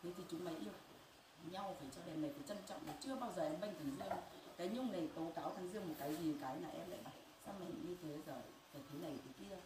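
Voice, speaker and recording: A woman's voice: on the low side, very fast. A grieving middle-aged mother speaking in a pained, insistent way and repeating herself, during a heated family confrontation. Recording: echoey room, distant mic, noisy background.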